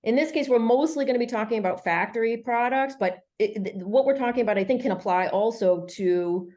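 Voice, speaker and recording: A woman's voice: fairly high pitch, fairly quick, warm tone. A woman hosting an online webinar in a chatty, friendly way, with many fillers. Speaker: webinar host.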